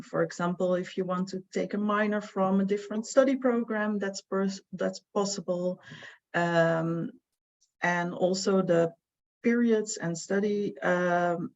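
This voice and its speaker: A woman advisor giving an online information presentation for prospective students, hesitant and full of fillers. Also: fairly low pitch. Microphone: video call. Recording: muffled lo-fi video call audio.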